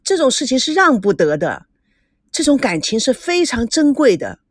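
A woman's voice: high-pitched, big pitch swings, moderate pace, no room sound, clean studio sound. A woman reading the lines of a playful, teasing young man, a charming bad-boy producer in an audiobook story. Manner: teasing, brotherly.

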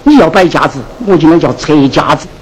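An actor playing a sharp-tongued comic innkeeper in a Sichuan opera, with a Sichuan accent, scolding in a sing-song way. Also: medium pitch, lively intonation, fairly quick, slightly rough. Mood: mocking. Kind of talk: Sichuan opera stage acting. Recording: noisy 1970s film soundtrack.

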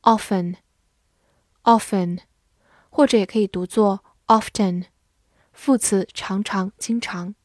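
A woman slowly reading out vocabulary words, saying each word twice in a measured way before its meaning. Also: medium pitch, mellow, dry recording, studio quality. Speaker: vocabulary reader. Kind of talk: slow scripted word drill.

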